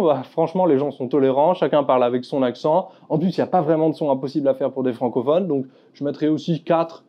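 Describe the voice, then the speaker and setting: A man hosting a casual ranking video, talking in a laid-back, candid way with frank asides. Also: a little high. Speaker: language YouTuber. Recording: dull lo-fi sound.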